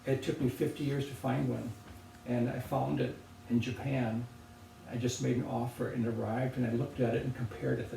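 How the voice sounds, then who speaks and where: An older man, a potter, talking thoughtfully and unhurriedly about objects he cares about, with pauses and restarts. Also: medium pitch, level tone, creaky, dark tone. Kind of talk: relaxed reflective conversation. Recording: roomy, distant from the mic, faint noise.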